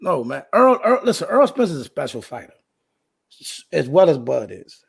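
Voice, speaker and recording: A man's voice: a little high, very animated, moderate pace, gravelly, slightly rough. A man in his late forties arguing sports in a casual debate, emphatic and often repeating himself. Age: 40s. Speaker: co-host.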